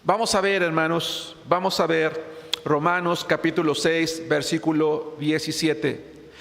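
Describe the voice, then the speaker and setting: A man's voice: a little high, flat delivery, a little slow, creaky, a bit bright. A man preaching a sermon, earnest and repetitive, often calling out to his listeners as brothers. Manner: earnest, repeats phrases and addresses the congregation as brothers. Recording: long hall reverb.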